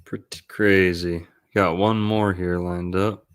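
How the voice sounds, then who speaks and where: A man's voice: sits low, level tone, slow, clear, resonant tone. A man hosting casual commentary, sometimes reading aloud from text. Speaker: livestream host.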